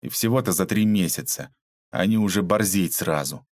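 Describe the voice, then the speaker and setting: A man's voice: low-pitched, animated, normal speed. A man reading an audiobook aloud, voicing a sullen young man in debt who grumbles and panics.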